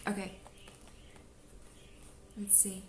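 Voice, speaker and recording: A chatty, giggly woman gives a casual tarot reading to camera from a room at home, stretching out her words and dropping "like" constantly. Birds can be heard nearby, and the recording has a roomy echo with faint ambient background noise.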